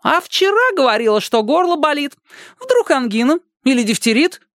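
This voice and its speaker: A reader voicing a cheeky young boy who teases his friends in a squeaky, mocking voice in a storybook reading. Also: very animated, normal speed, fairly bright tone, dry recording, clean studio sound, full character voice. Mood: teasing. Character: cheeky mischievous young boy, teasing prankster.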